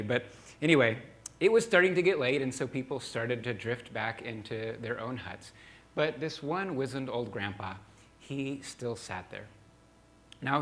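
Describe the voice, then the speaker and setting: A man's voice: medium pitch, fairly bright tone. A male preacher telling a mission story in a sermon, earnest, often restarting with repeated words.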